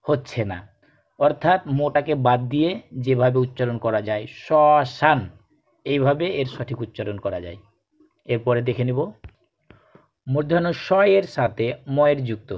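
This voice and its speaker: A man teaching a pronunciation lesson, who speaks slowly and deliberately and repeats each example word as a drill. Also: mid-range voice. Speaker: Bengali teacher. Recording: dull lo-fi recording.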